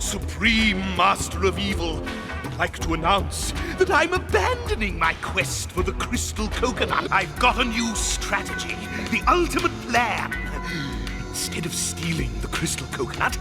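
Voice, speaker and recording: A bombastic, gloating monster king from an animated series, with a scheming, hot-tempered streak. The pitch is extremely high and highly animated, while the pace is unhurried, savouring each grand phrase. Loud music plays behind the dialogue. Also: full character voice. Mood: pompous announcing. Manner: grandiose, bombastic, drawn-out exclamations. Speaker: cartoon villain. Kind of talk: theatrical animated-series voice acting.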